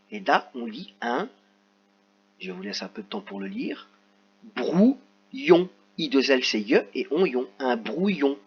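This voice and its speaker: A man teaching a reading lesson to young children, sounding out letters and stretching words slowly. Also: on the high side, slightly rough. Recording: slightly dull lo-fi sound.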